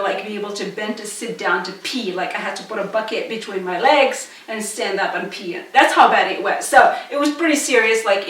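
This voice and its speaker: A woman's voice: mid-range voice, a bit bright. Chatty woman in an echoey studio. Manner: chatty, lots of "like" and "um". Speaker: belly dance instructor. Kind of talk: casual instructional video. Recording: echoey room, voice from a distance.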